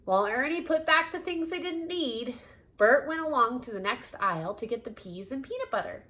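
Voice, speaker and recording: A woman reading a children's picture book aloud, animated, with giggly asides to her listeners. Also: high voice, moderate pace. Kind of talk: storybook read-aloud.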